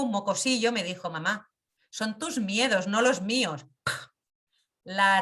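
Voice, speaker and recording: A woman teaching a class on compassion, telling personal stories in an intimate, emphatic way with pauses. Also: on the high side, a bit bright. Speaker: meditation and personal growth teacher. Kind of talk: reflective lesson with personal stories.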